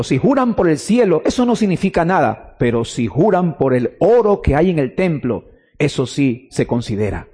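A man's voice: sits high, dark tone, husky. A man preaching a sermon with emphasis, repeating key phrases and putting questions to the listener.

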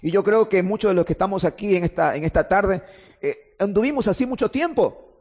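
A man's voice: high voice, animated, a little fast, a little mellow, slightly rough. A man preaching an earnest, emphatic sermon in a church. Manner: earnest, emphatic preaching with repeated phrases and restarts. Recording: long hall reverb.

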